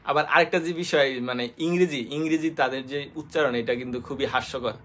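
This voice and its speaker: A man from Bangladesh with a Bangladeshi Bengali accent, hosting a casual live-stream lesson on basic Japanese. He talks hesitantly with many fillers, spells letters out slowly, and greets viewers by name. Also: medium pitch, fairly even intonation, a bit bright. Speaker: host teaching basic Japanese.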